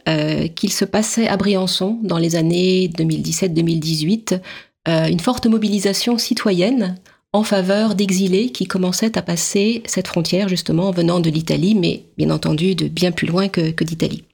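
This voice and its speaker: Female guest, low gravelly voice, measured and explanatory. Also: darkish tone. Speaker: sociologist guest. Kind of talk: radio interview answer.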